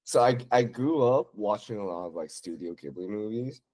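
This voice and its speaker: A very low-pitched young man from Taiwan talks softly and hesitantly, full of pauses and fillers. He chats casually as a podcast guest. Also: expressive. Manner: soft-spoken, hesitant, many fillers. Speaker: podcast guest, designer and 3D artist. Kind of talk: casual interview chat.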